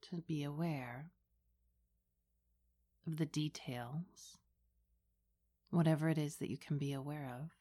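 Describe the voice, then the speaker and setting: Female meditation guide, low register, very slow and soothing, gentle guided-relaxation delivery.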